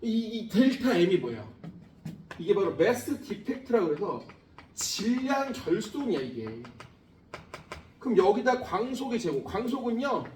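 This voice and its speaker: At a measured pace, a man with a high, darkish, sing-song voice lectures a science class at a cram school. Bluntly and profanely, he jokes and fires off questions to students. Slight background noise, an echoey room and a distant mic mark the recording.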